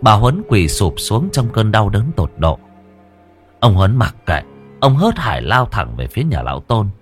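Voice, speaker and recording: A man telling a ghost story with suspense, slowing down and dropping his voice for the tense moments. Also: on the low side, big pitch swings, faint music behind.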